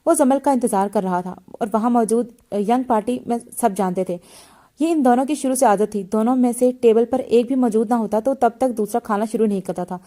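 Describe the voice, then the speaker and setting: A woman's voice: fairly high pitch, fairly quick, mellow. A woman reading a romance novel aloud and voicing its characters herself, often stumbling and restarting her words. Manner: reads all the characters in a lightly shifted voice, with frequent slips and restarts. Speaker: novel reader.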